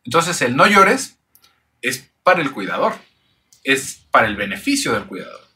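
A man talks through a psychology topic in a reflective monologue. His voice is bright and a little husky. He keeps checking in with rhetorical questions. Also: medium pitch, big pitch swings, normal speed. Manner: thoughtful, frequent rhetorical questions. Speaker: psychology channel host.

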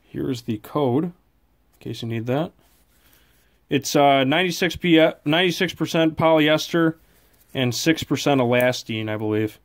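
Sitting at an indoor desk, a man with a fairly high voice offers an offhand product review, speaking a little slowly. His manner is chatty and unscripted, and he keeps correcting himself.

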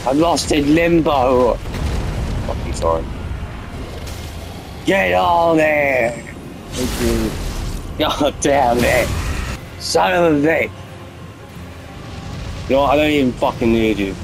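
Young male gamer, gravelly voice, slow delivery, constant swearing and rage. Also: fairly high pitch, over music, rough recording. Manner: swears constantly, rages at the game. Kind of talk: let's play commentary.

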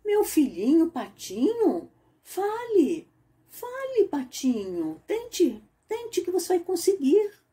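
Woman as a gentle mother duck. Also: on the high side, sing-song, exaggerated voice. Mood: encouraging. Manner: tender, coaxing, slow.

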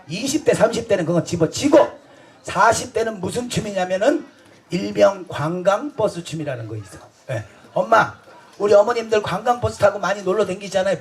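A man's voice: high-pitched, creaky. A man performing festival stage comedy, boisterous and crude, bantering with the audience and laughing through his lines.

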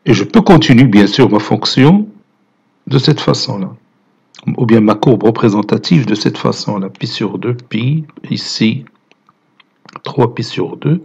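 A man's voice: medium pitch, lively intonation, unhurried, creaky, darkish tone, breathy edge, dull audio. A man with a Moroccan accent teaching math, explaining a graph step by step and mixing French with Moroccan Arabic. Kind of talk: lecture.

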